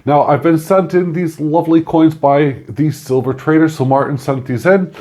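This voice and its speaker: A man hosts his own channel and chats casually through a coin review, chuckling now and then and filling pauses with ums and uhs. His voice sits a little high, with a steady, dark tone.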